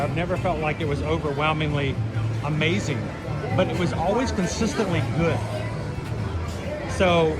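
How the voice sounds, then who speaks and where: Man, high-pitched, R's pronounced as W's, casual livestream host, self-deprecating, music in the background. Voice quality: can't pronounce R's, says w for r. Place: outdoors at a theme park.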